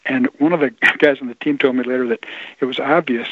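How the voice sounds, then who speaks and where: Husky man on a tinny phone line. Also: medium pitch, a little fast, no room sound. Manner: relaxed storyteller, frequent restarts and light laughter. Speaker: guest author. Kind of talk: phone-in interview storytelling.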